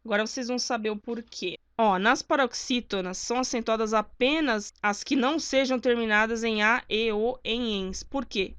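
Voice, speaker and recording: A woman's voice: a little high, a bit bright, clear, resonant tone, no echo, clean studio sound. A woman teaching spelling rules at a board, in a didactic way that keeps checking in with her students. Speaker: Portuguese grammar teacher.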